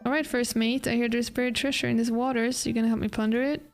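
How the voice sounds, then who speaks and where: This is a jovial, competitive dad from a dating game, read out by a woman in close to her own voice. He talks in a fairly high voice with some gravelly fry. Soft game music plays faintly underneath. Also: fairly even intonation, fast talker, lightly acted. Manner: friendly, reads dialogue aloud. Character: cheery competitive adult male dad neighbor.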